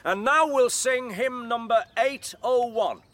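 A man's voice: extremely high pitch, a little slow, fairly bright tone, no room sound. A man playing a welcoming clergyman at a village service in a naturalistic radio soap, with a formal manner. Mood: ceremonial.

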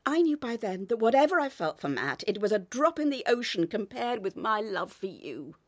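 A remorseful woman in a radio drama, her voice soft and hesitant, at times falling to a near whisper. She pleads with quiet sincerity. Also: a little high, very animated, moderate pace. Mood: earnest. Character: remorseful woman confessing to her wounded partner.

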